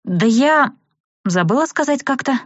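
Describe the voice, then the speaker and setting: A woman's voice: sits high, lively intonation, unhurried, no echo, highs cut off, voice pushed up. A woman voicing a wry, weary young female student in an audiobook.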